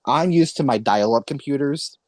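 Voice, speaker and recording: A man's voice: medium pitch, lively intonation, moderate pace, a little mellow. A man in his late twenties hosting a podcast, talking in an earnest, rambling way and correcting himself often. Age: 20s. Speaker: podcast host. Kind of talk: casual podcast conversation.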